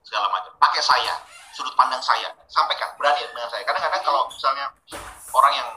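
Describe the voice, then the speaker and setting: Bright-voiced man leading a webinar. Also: medium pitch, quick pace, echoey room, low-quality recording. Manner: lively, questioning audience directly. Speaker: webinar trainer. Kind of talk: training webinar talk.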